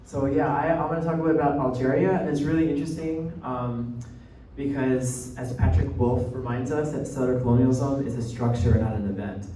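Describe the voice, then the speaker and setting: Brisk and warm, this mid-range male voice keeps a fairly even intonation as a young American grad student from New Jersey gives a casual guest lecture. He stays conversational, frequently checking on his audience and ending points with "right?". The recording is muffled and echoey, captured by a far-off microphone with a little noise.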